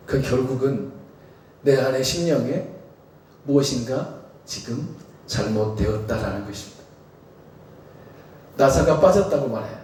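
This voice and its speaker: A senior pastor with a Jeolla Korean accent preaches in a church sanctuary, his mid-range voice dark in tone. He speaks conversationally and poses rhetorical questions to the congregation. The mic is distant and the church hall sounds very echoey.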